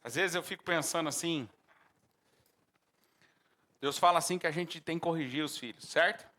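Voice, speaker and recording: A man with a Brazilian Portuguese accent preaching a sermon as pastor, breaking into animated outbursts and acted-out shouts. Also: fairly high pitch, moderate pace.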